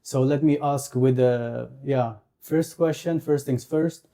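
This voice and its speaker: A man with a Dutch accent hosting a casual interview, relaxed and filling his talk with "like" and short affirmations. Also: mid-range voice, takes it slowly. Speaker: podcast host and tattoo artist. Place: tattoo shop.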